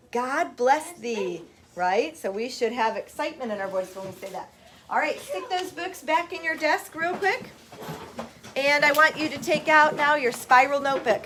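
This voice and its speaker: A schoolteacher with a high, bright voice runs a phonics lesson in her classroom. She moves briskly between instructions and reads verse slowly with a sing-song lilt. A faint hiss of background noise sits under the recording. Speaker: teacher.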